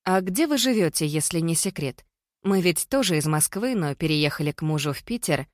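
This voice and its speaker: A woman's voice: low voice, expressive, moderate pace, dry recording. A reader voicing a watchful middle-aged mother who asks polite, pointed questions, in a dry recording. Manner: polite but probing questions.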